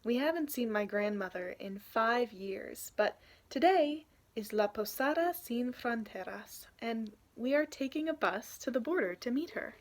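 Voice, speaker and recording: A young adult woman with a fairly high, lively voice reads a children's picture book aloud in a casual storytelling way. She keeps things informal, pausing now and then to point out the illustrations.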